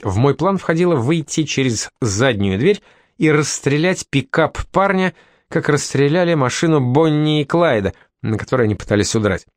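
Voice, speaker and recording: A man's voice: a little high, lively intonation, moderate pace, no echo. A man reading a first-person story as narrator, in a dry, wry tone. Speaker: audiobook narrator.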